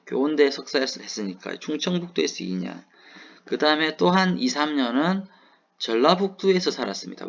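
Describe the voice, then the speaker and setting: A man in his forties from South Korea's Gyeongsang region lectures in a Gyeongsang Korean accent, posing rhetorical questions and answering them himself. His voice is slightly high and gravelly, and the sound is lo-fi.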